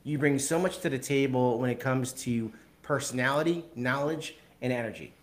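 A man's voice: medium pitch, moderate pace. A man hosting a live video podcast, upbeat and chatty, often stumbling over words and repeating himself. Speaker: podcast host.

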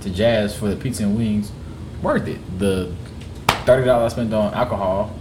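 A man's voice: fairly low pitch, noisy background. A man co-hosting a podcast, talking earnestly and reflectively in casual banter. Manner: reflective, earnest, drawn-out phrasing. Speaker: podcast co-host.

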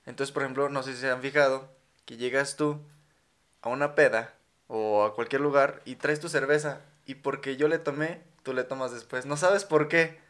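A young man with a Mexican accent, co-hosting a casual podcast chat, telling stories in an animated, slangy way and laughing easily. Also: mid-range voice, moderate pace. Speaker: podcast co-host.

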